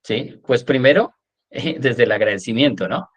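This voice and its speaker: A man lecturing a workshop class, animated, often checking in with "¿sí?" and acting out examples. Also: medium pitch, moderate pace, breathy edge. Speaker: coach teaching a workshop.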